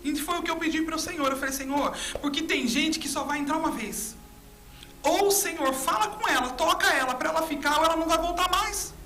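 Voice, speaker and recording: A woman's voice: very high voice, a little fast. A woman pastor with a Brazilian accent, telling her faith testimony in an interview and acting out the dialogue. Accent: Brazilian Portuguese. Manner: animated storytelling, acting out dialogue with God. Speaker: pastor and guest.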